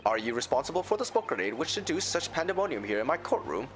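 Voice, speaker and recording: A man's voice: medium pitch, big pitch swings, fast, a bit bright, soft background music. A man voicing a stern, pompous older English judge from a courtroom video game, formal and grave in manner. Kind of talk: voiced reading of game dialogue.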